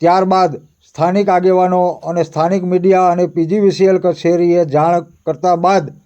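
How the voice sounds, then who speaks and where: A high-pitched man with a Gujarati accent reports the local news in a formal, announcing manner. His voice is mellow yet smooth and resonant. The recording sounds dull and lo-fi.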